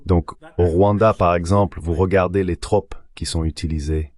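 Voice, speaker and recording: A man's voice: low voice, fairly even intonation, normal speed, darkish tone. A man from Nigeria, a professor answering interview questions, explaining at length in a lecturing way and building his points with examples. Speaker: professor and guest. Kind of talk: interview answer in a dubbed translation.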